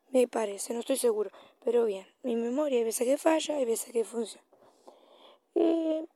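Latin american woman doing a casual podcast, kinda high soft-edged voice, thinks out loud and corrects herself. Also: no echo. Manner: improvised, hesitant, self-correcting delivery. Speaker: podcast host. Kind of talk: informal solo podcast commentary.

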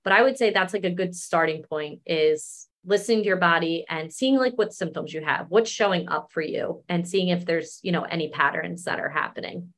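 Guest, woman in her 30s, slightly low voice, relaxed explanatory chat. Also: normal speed, few pauses. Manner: relaxed, explanatory, many fillers. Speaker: wellness coach guest. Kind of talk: casual interview chat.

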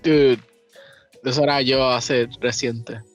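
A man's voice: medium pitch, steady tone, slow, soft background music. A young man from Puerto Rico with a Puerto Rican Spanish accent, chatting casually on a podcast and switching freely between Spanish and English. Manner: switches between Spanish and English mid-sentence, laughs often. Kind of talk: casual chat.

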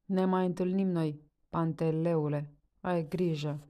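A woman's voice: sits low, fairly even intonation, dark tone, close to an everyday voice. A woman reading a story aloud voices a curt male deputy giving reports.

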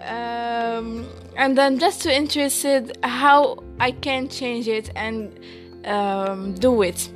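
A woman's voice: a little high, fairly even intonation, takes it slowly, soft background music. A woman in her late teens from Morocco, hosting a casual podcast chat, giggling often and stopping to restart with many fillers. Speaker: podcast co-host.

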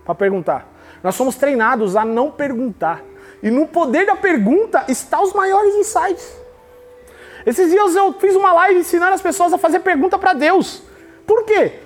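High-voiced man giving a devotional talk. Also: animated, normal speed, soft background music. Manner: emphatic, acts out quoted voices while telling stories. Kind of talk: devotional podcast teaching.

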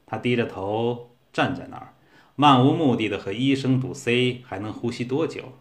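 A man narrating a humorous short story in a steady, measured reading. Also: medium pitch.

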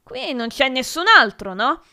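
A woman reading aloud and voicing a stern male schoolteacher who shouts and scolds. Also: high voice, very animated, measured pace, vocal fry, exaggerated voice. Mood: angry shouting. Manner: yells and scolds.

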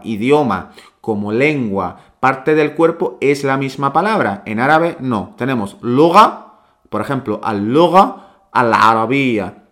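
Slow, patient male language teacher. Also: mid-range voice, fairly bright tone. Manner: slow, patient, drills sounds by repeating them. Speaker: Arabic teacher, podcast host. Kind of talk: language lesson podcast.

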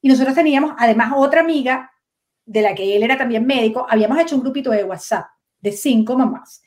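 A woman with a Venezuelan accent telling her breastfeeding story in an interview, animated and laughing often, acting out the dialogue she quotes. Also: a little high, quick pace. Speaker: guest, breastfeeding promoter.

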